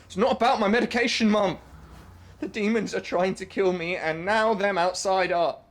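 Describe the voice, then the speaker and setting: In a radio drama, a man plays a troubled, anxious and paranoid young man in his 20s with schizophrenia who narrates his own story. His voice is high-pitched and he speaks at normal speed.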